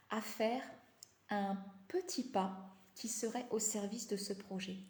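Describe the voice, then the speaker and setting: A tired woman with a slight lisp and slushy s sounds chats motivationally on a live stream, repeating phrases for emphasis in a halting way. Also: mid-range voice, a little mellow. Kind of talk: casual motivational live chat. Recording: echoey, roomy sound.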